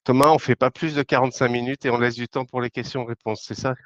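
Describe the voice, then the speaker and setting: A man hosting a webinar on a video call, casual and halting, with many fillers. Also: mid-range voice, fairly even intonation, fairly bright tone, no room sound. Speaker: webinar host. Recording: dull lo-fi call audio.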